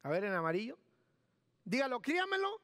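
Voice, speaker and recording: A man's voice: very high voice, wildly swooping pitch, fairly quick, fairly bright tone, dry recording, clean studio sound. A man pastor delivering an emphatic sermon in church, repeating key words and giving instructions to the sound booth.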